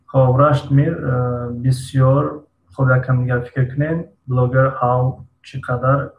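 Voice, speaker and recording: Gravelly-voiced man teaching English. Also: mid-range voice, steady tone, reverberant, narrow, tinny audio, slight background noise. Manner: patient, quizzes students by name. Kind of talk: online English lesson.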